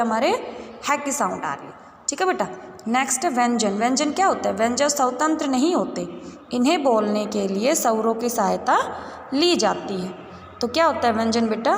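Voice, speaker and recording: A young woman teaching Hindi grammar to young children, patiently asking questions and answering them herself. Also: high voice. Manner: patient, asks and answers her own questions, calls pupils "beta". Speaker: school teacher. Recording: roomy echo with faint background noise.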